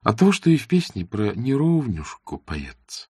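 A man's voice: medium pitch, huge pitch swings, normal speed, a little mellow, breathy edge, no echo, clean studio sound, voice pushed up, full character voice. A man voicing a friendly, inquisitive young man in a classic novel audiobook, probing and earnest. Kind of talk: audiobook character reading.

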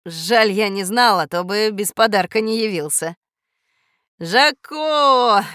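Woman narrator doing a kind, courteous grown man in a storybook, mid-pitched, dry sound. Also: expressive, slow pace, fairly bright tone, smooth, no echo. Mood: polite, pleading. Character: kindly middle-aged man, a parrot's owner.

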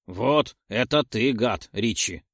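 A man reading aloud and voicing a greedy, sly male troll who haggles in a slow, bargaining manner. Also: lowish voice, animated, gravelly, a bit bright, no room sound, clean studio sound, heavily acted. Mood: sly, haggling.

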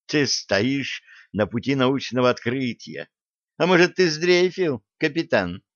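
A man voicing a feisty, mischievous young woman explorer who talks in a bold, excitable, cheeky way. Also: mid-range voice, unhurried, no room sound. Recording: dry, slightly dull audio.

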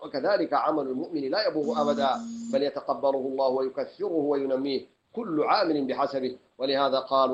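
Brief: Sudanese sheikh, man, reading out a classical commentary at a quick clip, slightly raised voice, dull lo-fi recording. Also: fairly high pitch. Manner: reads aloud, recites verses slowly, restarts phrases. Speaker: sheikh teaching Quran exegesis.

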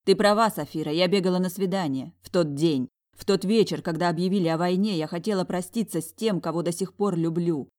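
A woman's voice: on the low side, fairly quick, few pauses, darkish tone, close to an everyday voice. A woman reading a proud, defiant young heroine. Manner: clipped, defiant.

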